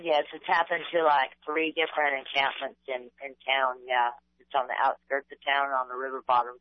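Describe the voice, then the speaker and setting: A man calling into a radio talk show over a crackly phone line that fades in and out, talking haltingly with lots of fillers. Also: medium pitch, level tone, no echo. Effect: crackly phone line fading in and out. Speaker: caller. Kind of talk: call-in radio interview.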